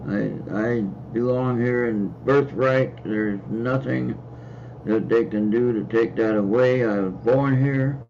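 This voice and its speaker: Hosting a laid-back card reading on a livestream, this man from the United States wanders through his talk, repeating himself and filling pauses hesitantly. He speaks slowly in a medium-pitched, somewhat mellow, fairly even voice. His slightly dull lo-fi audio carries a little hiss or hum.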